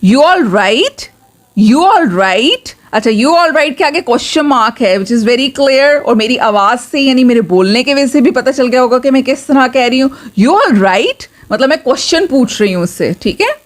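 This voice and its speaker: A woman teaching spoken English, repeating each practice phrase twice in a slow, careful drill. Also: high voice, animated. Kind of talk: language lesson.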